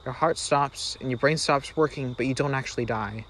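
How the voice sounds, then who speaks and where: A man voicing a calm, assured young sister explaining her magic, as part of fireside storytelling. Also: mid-range voice, normal speed, a little hiss or hum, natural voice.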